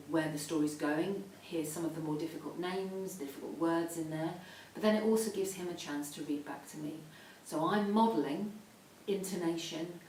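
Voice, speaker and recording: Low-voiced woman teaching, roomy sound. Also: darkish tone. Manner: instructive, emphatic on key points. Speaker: reading educator advising parents. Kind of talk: explanatory talk to parents. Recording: roomy echo, distant mic, faint rumbling noise.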